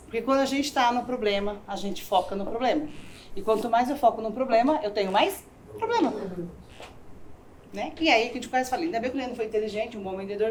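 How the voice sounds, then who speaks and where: Middle-aged woman, seminar speaker, slightly high voice, lively storytelling, keeps checking in with the crowd. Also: slight background noise. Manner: animated storyteller, acts out quoted dialogue; addresses audience with "né?" and "tá?". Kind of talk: motivational talk with personal stories. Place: event hall with audience.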